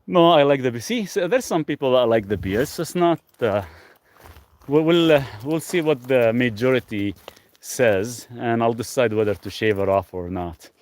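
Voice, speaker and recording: A man's voice: mid-range voice, expressive, normal speed, darkish tone, no room sound. A man from Lebanon chatting casually on an outdoor live stream, reading viewer comments aloud and answering them. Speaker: livestream host. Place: outdoors on rural off-grid land. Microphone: phone camera.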